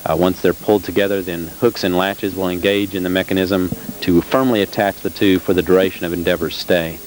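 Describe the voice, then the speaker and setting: A man giving live mission commentary in a measured, halting way, with very frequent uhs. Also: sits low, fairly even intonation, low-quality recording. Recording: faint hiss on broadcast feed.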